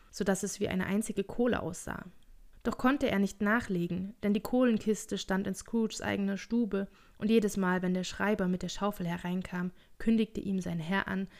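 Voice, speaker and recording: Woman narrating a storybook. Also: medium pitch. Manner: measured, expressive storytelling. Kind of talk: audiobook narration.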